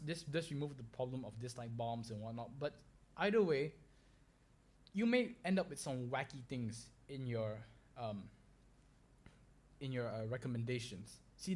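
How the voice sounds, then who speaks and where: A man's voice: medium pitch, a little mellow. A young man hosting a solo podcast, rambling with fillers and restarts as he talks. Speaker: podcast host.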